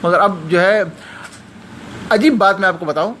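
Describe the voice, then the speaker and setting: A man's voice: high voice, fairly bright tone, a little hiss or hum. A man from South Asia giving a religious lecture to an audience, earnest, with rhetorical questions and personal stories. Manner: frequent restarts and pious interjections. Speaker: Islamic lecturer.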